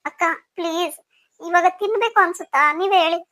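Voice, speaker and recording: A woman's voice: very high voice, fairly quick, fairly bright tone, no room sound, clean studio sound. A woman voicing an anxious pregnant young wife in a cartoon story, talking in a tearful, pleading way. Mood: worried, tearful.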